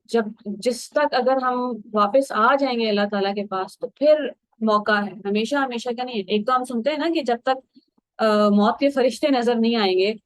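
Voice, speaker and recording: A woman explains verses in a Quran commentary lesson, earnest and conversational, dropping English words into her talk. Her voice sits on the higher side. The recording is close and dry. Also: no echo, low-quality recording. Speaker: Quran teacher.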